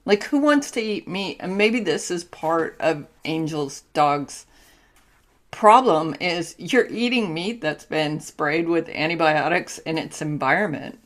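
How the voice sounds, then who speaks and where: A woman's voice: low-pitched, unhurried. A woman from northern California interviewing a guest, asking direct, curious questions. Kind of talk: casual interview chat.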